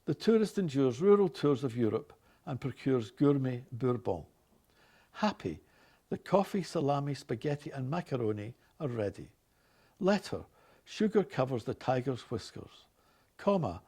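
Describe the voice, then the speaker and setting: Older Glaswegian man with a mellow voice. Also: medium pitch, big pitch swings, moderate pace, slightly rough. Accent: Glasgow Scottish. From Glasgow, Scotland. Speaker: organist. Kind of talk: reading accent sample passages and word lists aloud; casual chat about his own life.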